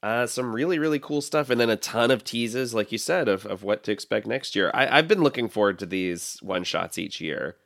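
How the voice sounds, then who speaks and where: A man's voice: lowish voice, animated, a little fast, gravelly, hardly any pauses, fairly bright tone. A man co-hosting a podcast, chatting enthusiastically about upcoming comics, often repeating words as he starts a thought. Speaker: podcast co-host. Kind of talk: casual chat.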